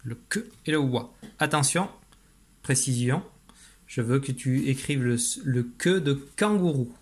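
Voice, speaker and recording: A man with a slightly husky voice teaches young children in a recorded video lesson. He speaks patiently and explains each step slowly and carefully, at a middle pitch. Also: animated, a little mellow.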